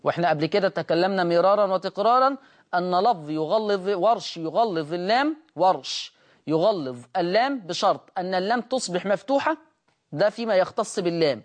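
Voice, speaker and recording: A man with an Egyptian Arabic accent teaching Quran recitation rules. He explains each rule and then slowly intones the example words. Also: sits high, animated. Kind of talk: recitation lesson.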